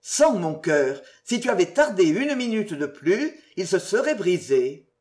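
A reader voicing a passionate young male lover in a storybook reading, speaking low and urgently. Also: big pitch swings, measured pace, a little mellow. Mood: passionné.

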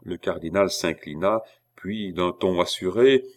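A man narrating a classic novel as an audiobook in a measured, subdued way. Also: sits low. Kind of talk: audiobook reading.

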